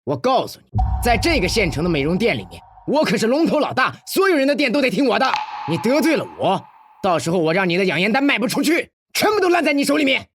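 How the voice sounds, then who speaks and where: A man's voice: high-pitched, big pitch swings, fast talker, over music. An actor playing a boastful, scheming male businessman villain who bullies and gloats. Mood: threatening. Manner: bullying, then fawning and gloating. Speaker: rival beauty-salon boss.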